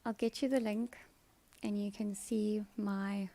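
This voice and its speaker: A woman hosting a live stream talks casually with viewers in a soothing, medium-pitched, dark-toned voice that stays level and moves a little slowly. Chatty and playful as she answers comments, she also breaks into repeated, firm no's.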